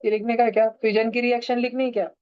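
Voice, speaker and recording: A man's voice: extremely high pitch, little pitch movement, racing, clean tone, no room sound. A man, teaching science in an online class and teasing his students. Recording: dull, dry online-class audio.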